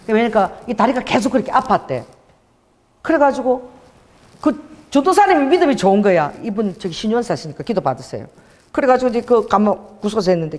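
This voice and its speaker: A woman pastor preaching a sermon, telling a story with lively quoted voices. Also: a little high, long reverb tail.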